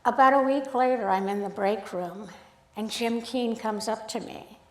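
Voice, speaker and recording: A woman's voice: on the high side, normal speed. Chatty woman telling stories in an echoey room. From United States, grew up in Sacramento. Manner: chatty, animated, acts out quoted dialogue. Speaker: photographer giving a guest talk. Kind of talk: casual storytelling talk. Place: art club event room.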